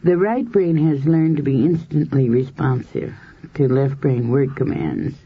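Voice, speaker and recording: A woman researcher giving a measured, explanatory lecture to a group, walking through everyday examples with the odd filler. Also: extremely low pitch, animated, slight background noise. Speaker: hypnosis and past-life researcher lecturing. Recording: dull lo-fi 1970s tape recording.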